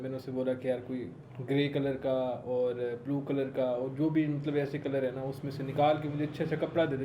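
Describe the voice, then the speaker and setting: Brief: young male panelist, animated storyteller, slightly high voice, roomy sound with faint hiss. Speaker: podcast panelist. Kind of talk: casual storytelling chat. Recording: echoey room with faint noise.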